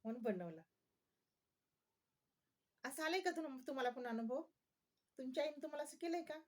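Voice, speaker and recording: A woman's voice: sits high, expressive, normal speed. A woman vlogger chatting casually to her viewers, often laughing and asking them questions.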